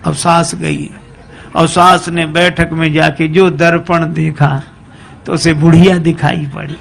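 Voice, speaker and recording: High-voiced, gravelly male storyteller. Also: flat delivery, slow, slight background noise. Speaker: religious storyteller. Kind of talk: humorous devotional story sermon with chanted verses.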